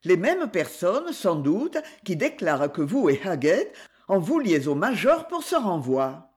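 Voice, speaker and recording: A woman's voice: on the low side, big pitch swings, measured pace, darkish tone. A woman voicing a composed, courteous lady who questions a suspect lightly and politely. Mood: calm. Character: calm genteel lady investigator, amiable.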